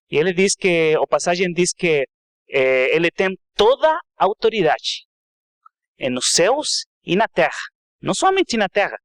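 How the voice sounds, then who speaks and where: A man with a Spanish accent speaking non-native Portuguese in halting phrases, giving a church testimony as a guest preacher. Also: on the high side, dry recording, studio quality. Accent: foreign Spanish-speaking accent in Portuguese. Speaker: guest missionary speaker and theology student.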